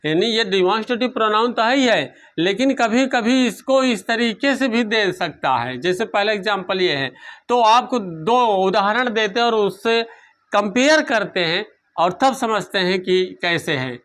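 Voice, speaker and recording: A man's voice: sits high, animated, a little slow, a bit bright. A man teaching a grammar lesson, asking questions and answering them himself, repeating key terms.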